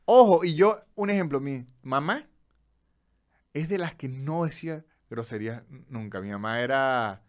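A Venezuelan man chatting casually on a podcast, his voice sitting a bit high for a man. He talks with animation, stumbles and repeats syllables now and then, and acts out quoted lines as he goes. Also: moderate pace. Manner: animated, stammers, quotes others in dialogue. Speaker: podcast co-host. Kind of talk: casual chat.

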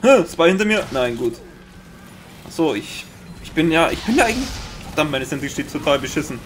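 A young man with a Bavarian accent giving excitable Let's Play commentary, swearing often and making sound-effect noises. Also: a little high, a little fast, slight background noise. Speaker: gaming commentator.

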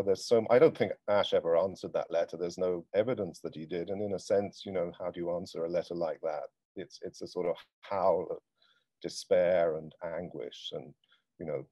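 A middle-aged man hosting a live-streamed cultural event, talking in an unhurried, thoughtful way with frequent ums and restarts. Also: low-pitched, mellow, dry recording. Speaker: host.

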